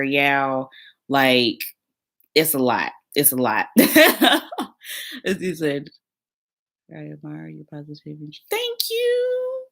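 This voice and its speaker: A woman's voice: sits low, a bit bright. A young woman, chatting casually on a livestream as a new surgical tech, talking straight to her viewers and laughing often.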